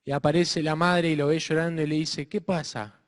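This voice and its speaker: An adult man with an Argentine accent narrates a story to children, expressive and stopping to ask his listeners questions. His voice sits a little high. The sound carries a long echo, as from a large hall. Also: brisk. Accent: Argentine Spanish. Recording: reverberant hall.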